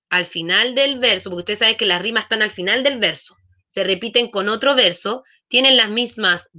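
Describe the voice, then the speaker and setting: A woman's voice: fairly high pitch, bright, forceful tone. A woman teaching an online class, explaining patiently and checking in with frequent questions. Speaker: schoolteacher.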